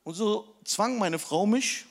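A man preaching a sermon with lively, animated storytelling. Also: high-pitched, takes it slowly, slight background noise. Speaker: pastor.

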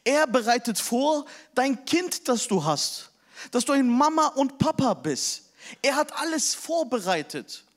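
A male preacher delivers a sermon through lively storytelling. His voice sits high and leaps up and down as he drives his points home. He sometimes pushes toward a shout. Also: unhurried. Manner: animated storytelling. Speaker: pastor.

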